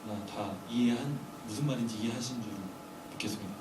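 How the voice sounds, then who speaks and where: A man's voice: medium pitch, fairly quick. A man preaching a sermon to a congregation, earnest and full of rhetorical questions. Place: church sanctuary during a weekday service. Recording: echoey hall, distant mic, background noise.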